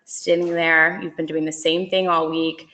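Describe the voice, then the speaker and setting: A woman's voice: deep voice, level tone, moderate pace, pushed and bright. Chatty, giggly woman presenting a webinar. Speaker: company presenter.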